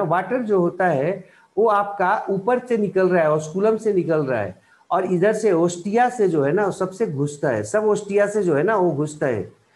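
A man's voice: sits high, darkish tone. A man with an Indian accent teaching a biology lesson. He asks questions and answers them himself, with many fillers and restarts. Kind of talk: explanatory lecture in Hindi.

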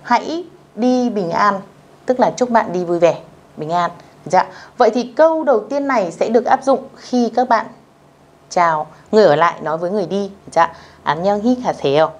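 A woman teacher with a voice of middling pitch walks beginners through a language lesson. She is patient and repeats each phrase slowly. She keeps pausing to ask whether everyone has followed along. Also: expressive.

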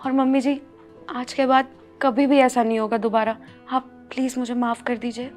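An actress playing a proud, bossy working daughter-in-law in a family short film, commanding in tone. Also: female voice, fairly high pitch, flat delivery, normal speed, soft background music, close to an everyday voice. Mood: apologetic.

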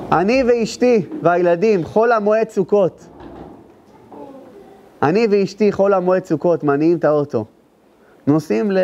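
Before a live audience, a male rabbi delivers an emotional storytelling sermon in a warm voice, addressing listeners directly and urging them to listen. At the story's climaxes he rises into intense, high cries. The audio sounds dull.

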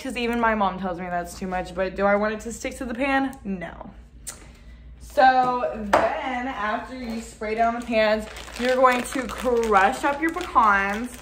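Chatty young woman, slow, echoey kitchen. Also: on the high side. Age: young adult. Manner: chatty, excitable, says "like" and "oh my God" a lot. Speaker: cooking vlogger. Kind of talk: casual cooking tutorial. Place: small apartment kitchen. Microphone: camera mic from across the room. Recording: echoey room, faint noise.

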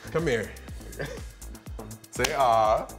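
A man in his twenties from New York City, a contestant who explains things in a relaxed, instructive way. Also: mid-range voice, drawn-out words, over loud music. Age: 20s. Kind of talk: casual teaching chat.

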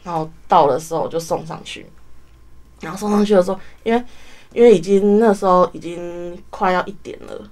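Fast-talking young Taiwanese woman. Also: on the low side. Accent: Taiwanese Mandarin. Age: 20s. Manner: animated, chatty, many "然后" run-ons. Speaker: guest, university student. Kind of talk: casual storytelling in a radio interview.

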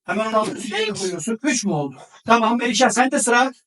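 Upbeat high-pitched dad hosting a family game, heard from a distance, constantly urging the kids to go faster. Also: male voice, a bit bright. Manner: urging, counting down, cheering children on.

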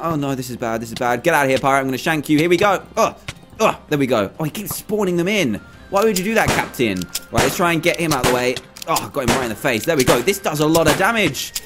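A young man giving animated, excitable commentary while playing a video game. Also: fairly high pitch. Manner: excitable, animated, jumpy exclamations. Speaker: gaming video host.

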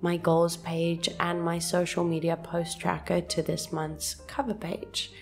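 A woman calmly narrating a scripted voice-over for her journaling video in a soft, gentle, unhurried way. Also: lowish voice, vocal fry. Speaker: journaling channel host. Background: soft background music.

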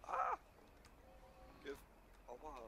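Young guy gaming with mates, creaky voice goes up and down a lot, noisy mic. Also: a little high, huge pitch swings, extremely slow, sharp tone. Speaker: fellow player. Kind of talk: casual gaming chat with friends. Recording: noisy voice chat, background noise.

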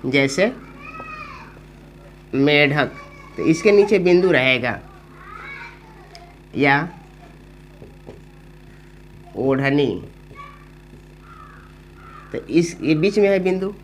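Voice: mid-range voice, expressive, a little slow, pauses often, slight background noise. Patient Hindi teacher quizzing themself. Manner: explains step by step, asks and answers own questions. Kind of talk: spoken grammar lesson.

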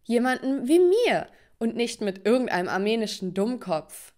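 A woman's voice: a little high, big pitch swings, normal speed, darkish tone. A woman voicing a smug, mocking teenage girl rival who taunts and sneers. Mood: taunting.

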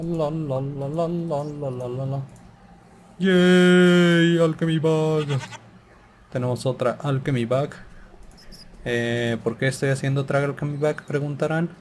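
A man's voice: mid-range voice, a little hiss or hum. Playful man narrating his gameplay. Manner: playful, hums and babbles sound effects. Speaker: gaming channel host. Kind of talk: Minecraft let's play commentary.

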